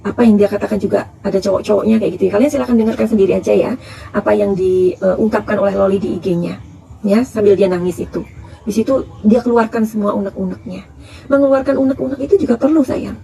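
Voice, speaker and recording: A woman's voice: mid-range voice, fairly even intonation, quick pace, vocal fry, warm tone. A middle-aged woman reading tarot cards in a chatty, advising way, calling her listeners "dear". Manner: chatty, calls listeners "sayang", counsel-giving. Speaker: tarot reader.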